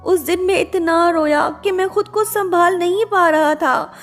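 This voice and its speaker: A woman voicing a guilt-ridden young male pop idol, speaking in a quiet, remorseful way. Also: extremely high pitch, fairly even intonation, a little slow, faint music behind. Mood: grieving.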